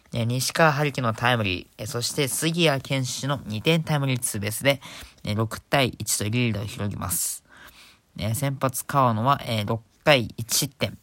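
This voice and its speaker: A man hosts his own casual talk show, keeping his voice low because it is late at night. He rambles with many fillers and giggles now and then at his own jokes. It is recorded indoors on a phone. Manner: hushed, holding back volume for a late recording. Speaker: podcast host. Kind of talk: casual solo radio talk.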